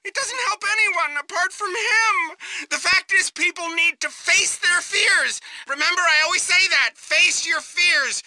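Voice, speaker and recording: A man's voice: very high-pitched, a little slow, bright, forceful tone, no echo, heavily acted. An actor playing a pushy, self-assured male self-help guru who lectures callers. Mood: lecturing.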